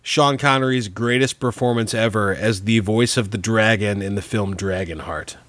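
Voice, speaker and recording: A man's voice: lowish voice, normal speed, a bit bright, no echo. A man co-hosting a podcast, playful and giggly, slipping into comic bits. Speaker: podcast co-host. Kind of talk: casual chat.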